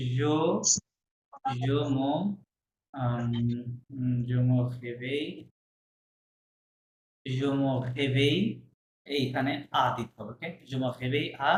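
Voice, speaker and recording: A man's voice: mid-range voice, fairly even intonation, drawn-out words, pauses often. A man from Bangladesh teaching a French class, patiently repeating words and quizzing his students. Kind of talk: classroom lesson. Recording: echoey room with faint noise.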